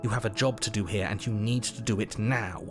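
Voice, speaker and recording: A man playing a solemn, stern narrator in a video game, speaking in a measured, literary, commanding way. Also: fairly low pitch, steady tone, over music, lightly acted. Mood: stern, exasperated. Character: solemn, stern storyteller narrator giving orders.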